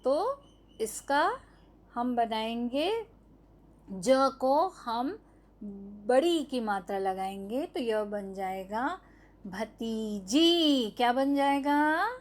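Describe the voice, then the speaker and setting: A woman's voice: fairly high pitch, very animated, drawn-out words. A woman teaching an online lesson to young children, stretching out each syllable and answering her own questions. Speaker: primary school teacher.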